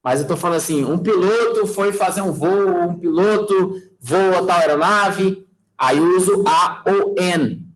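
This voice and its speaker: A man's voice: high voice, a little slow, low-quality recording. A man with a Brazilian Portuguese accent teaching English in a casual classroom style. He keeps checking in with his students and drops folksy sayings as he goes. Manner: checks in with students constantly, asking "tá?" and "fechou?"; relaxed and chatty, using folksy sayings.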